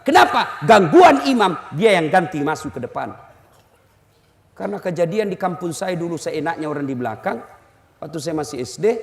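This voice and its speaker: A man from Indonesia giving a comic sermon, telling anecdotes and acting out the people in them. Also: very high voice. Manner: animated storytelling, acts out the people in his anecdotes. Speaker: preacher. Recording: long hall reverb.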